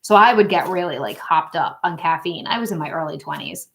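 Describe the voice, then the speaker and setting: A woman hosts a relaxed tarot-reading livestream. She talks in a rambling, chatty way, laughing often and filling pauses with ums and likes. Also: sits low, creaky. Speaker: tarot reader and channel host. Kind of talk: casual livestream chat.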